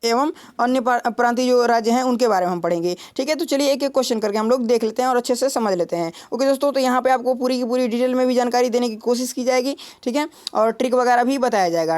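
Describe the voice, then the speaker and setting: A young man with a very high-pitched, smooth voice teaches an exam-prep history lesson step by step. He constantly repeats "ठीक है" and "दोस्तों," and uses rhetorical questions to build memory tricks.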